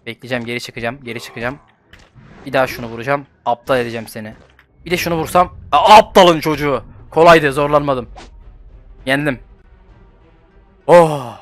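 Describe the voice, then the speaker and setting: Delivering laid-back gameplay commentary, this young male host swears and gets worked up, veering between quiet mumbles and yells. He speaks fairly quickly but leaves long pauses, and the dry recording has faint music in the background.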